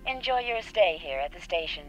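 A woman voicing a calm female station control officer, speaking formally over a radio comm transmission. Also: on the low side, soft background music. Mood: official. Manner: formal, measured announcements. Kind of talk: scripted game dialogue. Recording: dull lo-fi radio channel.

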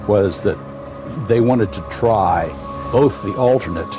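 A man with a low voice talks as an expert in a documentary interview. He explains in his own unscripted words. Music runs clearly underneath. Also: takes it slowly.

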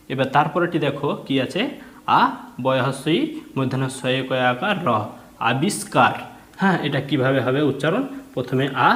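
Guy teaching reading, breaks words into letters slow and patient, kinda echoey room. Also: medium pitch, a bit bright. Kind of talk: spelling out letters in a reading lesson.

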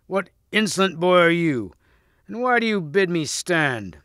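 A man voicing an arrogant robber knight who speaks slowly and scornfully. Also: sits high, very animated, fairly bright tone, no echo, clean studio sound, voice pushed up, exaggerated voice. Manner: slow, scornful, threatening.

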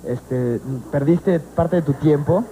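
A man's voice: fairly high pitch, slow pace, background noise. A young man from Mexico, a band member guest, talking hesitantly with many restarts and fillers. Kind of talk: talk show interview.

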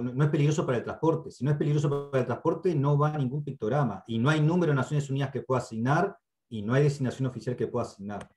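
A man with a Uruguayan accent gives a patient online training lecture, repeating key points and often checking in with a quick "¿sí?". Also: medium pitch, darkish tone. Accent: Uruguayan Spanish. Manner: checks in with frequent "¿sí?"; hesitant fillers and restarts. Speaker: instructor. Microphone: computer mic on a video call.

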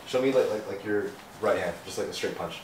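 A man's voice: fairly low pitch, fairly quick, roomy sound, recorded from a distance, heavy background noise. A young man bantering and teasing a friend while coaching him on boxing, laughing often. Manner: teasing, laughs a lot, does impressions. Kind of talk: casual banter.

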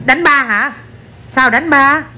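A woman's voice: sits high, slow pace. A young mother in casual family chat, teasing her child with mock sadness. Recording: noisy home video.

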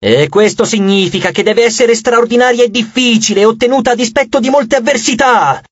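A man's voice: very high-pitched, a little fast, no room sound, muffled recording, voice pushed up. A man voicing a frantic, overwrought goddess of victory who shrieks her demands in an audiobook. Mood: shrill.

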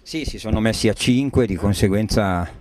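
A man's voice: lowish voice, moderate pace, a little mellow. A man giving tactical football commentary, often hesitant as he searches for words. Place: outdoors at a local football pitch.

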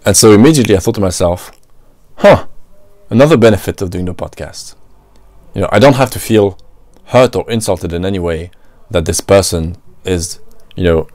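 This is a reflective solo podcast by an adult Frenchman employed at a restaurant, who thinks out loud and often adds "you know" and "right." His French-accented voice is low-pitched and a little mellow, at a moderate pace, with no echo.

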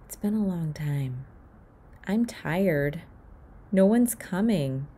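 Lady reading a kids picture book, slow and careful, voice goes up and down a lot, does little tap tap sound effects. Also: lowish voice, breathy edge. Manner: expressive, with acted sound effects. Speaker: storytime reader.

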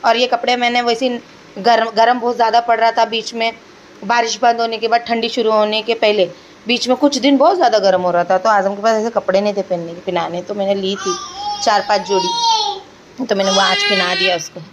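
A woman's voice: a little high, steady tone, fairly quick, a little hiss or hum, poor audio. A young woman chatting to her viewers at home while looking after her small children. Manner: chatty, addresses viewers directly, coos at her baby. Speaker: vlogger and mother. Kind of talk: casual home vlog chat.

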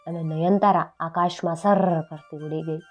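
Woman storyteller, measured folk-tale narration, muffled audio, faint music bed. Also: low voice, fairly even intonation.

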